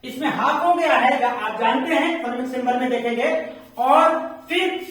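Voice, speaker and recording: A man teaching a grammar lesson, slowly repeating and drilling each pronunciation. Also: extremely high pitch, a bit bright. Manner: slow and repetitive, drilling pronunciations. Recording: very echoey room, mic far off.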